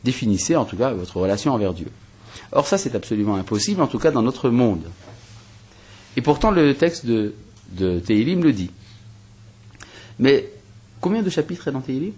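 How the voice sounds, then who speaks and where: Husky-voiced man teaching a lesson. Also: medium pitch, darkish tone. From Algeria. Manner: explains step by step, asking rhetorical questions; hesitant restarts and fillers while reasoning. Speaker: rabbi teaching a class. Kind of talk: spoken Torah lesson.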